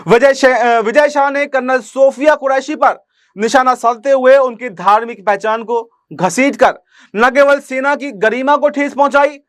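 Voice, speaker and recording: A man's voice: very high-pitched, fairly bright tone, dry recording, clean studio sound. A man reading scripted news commentary, asking a string of indignant rhetorical questions.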